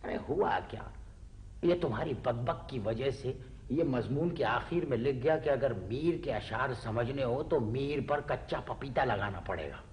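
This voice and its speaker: A man's voice: mid-range voice, expressive, measured pace, darkish tone, a little hiss or hum, close to an everyday voice. An actor playing a pompous middle-aged father and writer who talks in a flowery, theatrical way full of exclamations. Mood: boastful. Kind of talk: TV drama acting.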